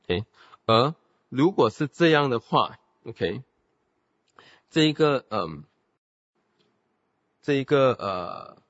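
A man's voice: medium pitch, sing-song, slow, long pauses, dry recording. Guy teaching theology, keeps saying ok, asks the class rhetorical questions, dull recording. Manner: peppers speech with "OK" and English terms; explains step by step with rhetorical questions. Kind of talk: theology lecture.

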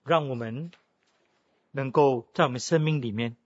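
A man's voice: medium pitch, normal speed, dull audio. A man preaching a sermon, telling a story with frequent exclamations. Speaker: pastor.

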